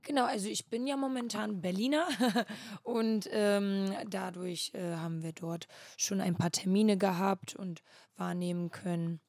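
A woman's voice: medium pitch, unhurried, vocal fry, no room sound, studio quality. A woman, a rapper chatting casually as a guest in a hotel-room interview and laughing often. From Germany, Flensburg. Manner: relaxed, laughs often between phrases.

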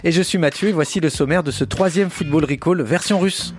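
A man co-hosting a casual football podcast, quick and joking, laughing often in front of a small live audience. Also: a little high, music in the background. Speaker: co-host.

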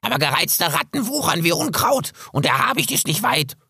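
A man voicing a grumpy, scruffy male raven in an audiobook, croaking and scolding theatrically. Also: a little high, very animated, fairly quick, sharp tone, no room sound, clean studio sound, voice pushed up, heavily acted. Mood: wry. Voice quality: gravelly, husky croak. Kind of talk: audiobook character voice.

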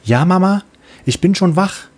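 A woman's voice: lowish voice, expressive, normal speed, a little mellow, breathy edge, pitched above the performer's own voice. Man doing an eager stammering little girl freebie. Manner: childlike and stammering.

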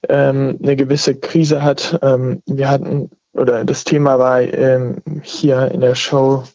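A man's voice: mid-range voice, flat delivery, slow pace, creaky, darkish tone, no room sound. Young man calling in by phone. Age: 20s. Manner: hesitant, searching for words with many fillers. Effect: heard over the phone. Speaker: caller. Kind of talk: casual call-in chat. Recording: dull, lo-fi phone line.

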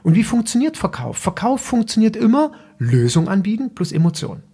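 A man speaks as a business coach on his own podcast, his voice gravelly with a husky, slightly rough edge. He talks straight to the listener in a direct, instructive way, loose and unscripted, with restarts along the way. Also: high-pitched, sing-song, brisk, mellow.

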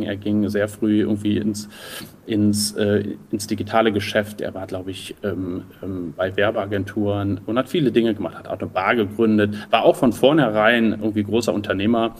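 This interview guest, a Düsseldorf entrepreneur in his thirties from the Rhineland, talks at a brisk pace in a lowish voice with fairly even intonation. He answers the questions in a relaxed, reflective manner, sometimes hunting for the right word, over a faint hiss or hum.

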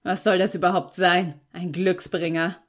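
A woman's voice: lowish voice, little pitch movement, moderate pace, close to an everyday voice. A woman voicing an arrogant young man who talks in a hard, mocking, clipped way in an audiobook reading. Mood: angry. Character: arrogant, scornful young man, quick to anger.

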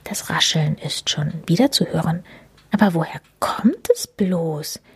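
A woman narrating a children's story in a whispered role-play style, soft and hushed. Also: deep voice, animated, measured pace, breathy edge, no echo.

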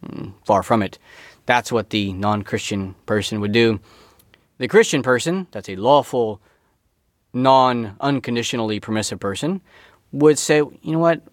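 A man's voice: mid-range voice, lively intonation, a little slow, dry recording, studio quality. A man, a school director, giving an informal teaching talk with emphatic delivery and rhetorical questions.

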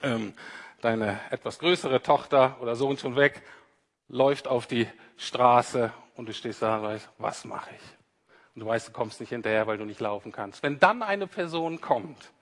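A man's voice: medium pitch, moderate pace. A man giving a conversational sermon, speaking straight to his listeners and acting out the quoted lines. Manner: conversational, addresses listeners directly, acts out quoted speech. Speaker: preacher. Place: church hall. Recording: reverberant hall.

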